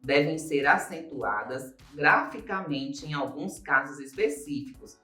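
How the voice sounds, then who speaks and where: A man with a Brazilian Portuguese accent, a Portuguese teacher giving a recorded grammar lesson. He explains slowly and step by step, repeats key points and stretches out the words he stresses. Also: a little high, lively intonation, pushed and bright. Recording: roomy echo with faint music behind.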